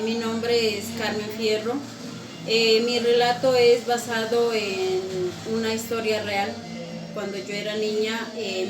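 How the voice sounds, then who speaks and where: A middle-aged woman telling a folk tale for a class assignment. She speaks unhurriedly and pauses often on "eh". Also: on the high side, recorded from a distance. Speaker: storyteller presenting a class assignment. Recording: echoey room, voice away from the mic, music behind.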